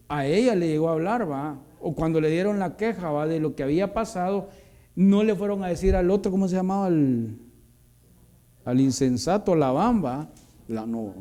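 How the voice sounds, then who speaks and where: A man's voice: a little high, warm tone. Man preaching an informal sermon. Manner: conversational, frequent tag "¿va?". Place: church.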